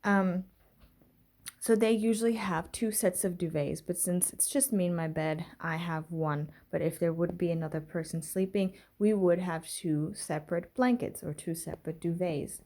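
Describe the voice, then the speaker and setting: A young woman gives a casual tour of her small apartment, chatting with many "um" pauses as she moves from room to room. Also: lowish voice, steady tone, warm tone. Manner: chatty, many "um" pauses, walks through rooms while talking. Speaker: vlogger giving a home tour. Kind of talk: casual house tour narration.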